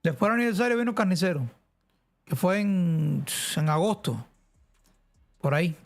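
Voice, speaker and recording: Chatty Cuban man, high voice. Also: moderate pace. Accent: central Cuban Spanish. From central Cuba. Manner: chatty, rambling, with restarts. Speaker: streamer host. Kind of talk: casual live-stream chat.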